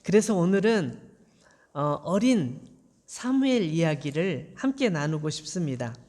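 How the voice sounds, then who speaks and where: Gentle storytelling woman pastor. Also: lowish voice, sing-song, measured pace, in a large hall. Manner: gentle, simple storytelling with emphatic repetition. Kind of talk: storytelling sermon. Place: church.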